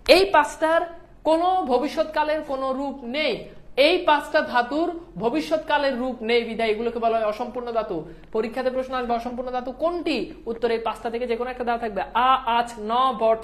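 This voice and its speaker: A woman's voice: a little high, brisk. Repetitive lecturing woman teacher. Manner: repeats key answers, asks the class if it is clear. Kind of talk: recorded grammar lecture.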